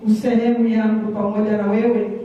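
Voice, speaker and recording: Kenyan woman emcee, formal greetings with Swahili asides, distant PA mic in a booming hall. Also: level tone, brisk, dark tone. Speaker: event emcee and singer. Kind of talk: speech at a political rally. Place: large echoey hall. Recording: echoey hall from far off, muffled.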